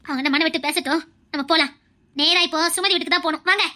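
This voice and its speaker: A woman with a Tirunelveli Tamil accent putting on a bossy older woman of the family who gives brisk orders. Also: very high voice, bright, forceful tone, voice pushed down. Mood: commanding. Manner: brisk, commanding.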